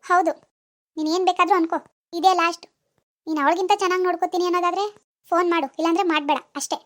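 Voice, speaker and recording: A proud, demanding young village woman in a cartoon, voiced by a woman. She speaks in a very high, rapid voice, scolding and sarcastic. Her tone stays sharp and dismissive. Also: steady tone. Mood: angry. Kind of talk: cartoon dialogue voice acting.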